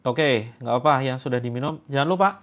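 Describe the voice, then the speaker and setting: A man leads a ruqyah healing session. He gives quick instructions and stern commands. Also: medium pitch. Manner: chants the call to prayer slowly, then gives quick instructions and stern commands. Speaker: spiritual healer leading a ruqyah session. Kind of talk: guided prayer and healing instruction.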